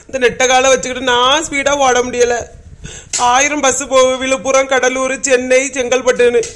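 A woman's voice: high-pitched, little pitch movement, moderate pace, fairly bright tone. A woman playing a lonely older village man stranded at a bus stop, grumbling to himself in a Kanyakumari accent. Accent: Kanyakumari Tamil. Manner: grumbling to himself, calling out plaintively. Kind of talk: comic sketch acting.

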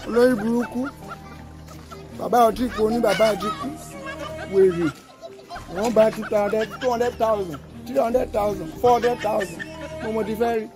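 An indignant disguised street trader with a Nigerian accent, acted by a man in a broad comedy skit. His voice is very high and swings widely, loud and repetitive. Loud music runs over the outdoor sound. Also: expressive, quick pace. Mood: furious.

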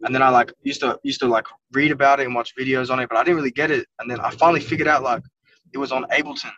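This young man from Wales is a music producer chatting casually in an interview from his car, rambling with plenty of "like" and "you know what I mean." His mid-range voice runs very fast with fairly even intonation and a sharp tone, and there's no room sound. The audio is dull and lo-fi, picked up from a distance by a phone or laptop camera on a video call.

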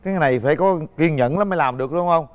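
A man's voice: a little high, racing. A man hosting a dating show, coaxing and teasing the guests. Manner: coaxing, playful. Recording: TV studio with music.

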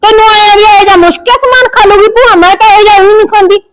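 An actress playing a bossy, fussy middle-aged aunt who scolds and makes picky demands, with a Punjabi accent. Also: female voice, very high-pitched, fairly even intonation, quick pace, heavy background noise. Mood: scolding. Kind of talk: village short film acting.

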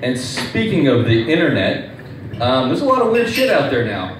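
A man's voice: mid-range voice, moderate pace, a crowd in the background. A young adult male stand-up comedian telling exasperated, profane stories at an open mic. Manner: animated, profane, exasperated storytelling. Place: small comedy club stage. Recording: echoey room, distant mic, faint ambience.

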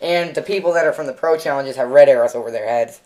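A man's voice: mid-range voice, fast talker, darkish tone. A young man narrating a video game as he plays, rambling and making self-mocking jokes. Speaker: gameplay commentator. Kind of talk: let's play commentary.

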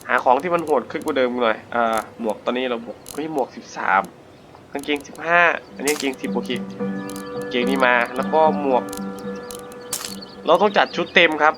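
A man hosting a gaming channel, giving casual let's-play commentary in a jumpy, excitable way as he plays. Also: mid-range voice, brisk, pauses often, over music. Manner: excitable, jumpy, talks to himself while playing.

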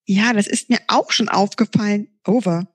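A woman's voice: medium pitch, normal speed, breathy edge, lightly acted. A woman voicing a timid young boy in a storybook reading.

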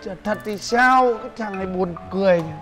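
A man playing a boastful young laborer who brags loudly. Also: sits high, a little fast, over music, close to an everyday voice. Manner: bragging, bossy, loud. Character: boastful broke male laborer, young adult.

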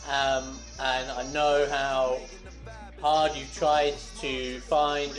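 Flat-voiced halting man. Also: mid-range voice, rough recording. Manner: halting, teasing, many ums. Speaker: friend sending a wedding message. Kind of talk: casual selfie video message. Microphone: phone camera. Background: music.

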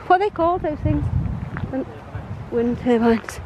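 A woman in her thirties vlogs as she walks countryside footpaths, chatting casually and giggling into a handheld camera held at arm's length. Her high, expressive voice moves at normal speed over a noisy background.

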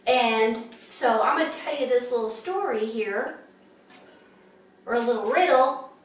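A chatty, upbeat woman in her fifties talks through an outfit in a high voice. She is recorded in her living room from across the room, so the sound is distant and strongly echoey. A faint hiss of room ambience sits under her voice. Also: a little slow. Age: 50s. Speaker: fashion vlogger. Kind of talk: casual show-and-tell.

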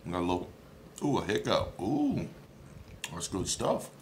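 A man's voice: deep voice, expressive, normal speed, slight background noise. A man chewing with his mouth full and hiccuping as he tastes and reviews spicy jerky at home on a phone camera, rambling with lots of ums. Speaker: food reviewer vlogger. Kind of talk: casual hot food tasting review.

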